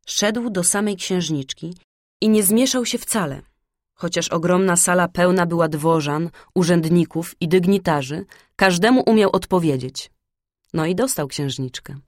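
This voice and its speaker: Low, hushed woman reading a fairy tale. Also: normal speed, no room sound, studio quality. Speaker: narrator. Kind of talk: storybook reading.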